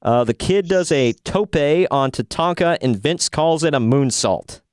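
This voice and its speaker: A man's voice: fairly high pitch, animated, measured pace, a little mellow, smooth, dry recording, studio quality. A man co-hosting a podcast, giving a sarcastic, rambling recap in casual chat. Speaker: podcast co-host.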